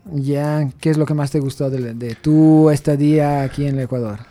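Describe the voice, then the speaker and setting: A man hosting a conversational radio interview, phrasing things with drawn-out, hesitant fillers. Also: a little high, fairly even intonation, dark tone, soft background music. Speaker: radio host. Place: radio studio.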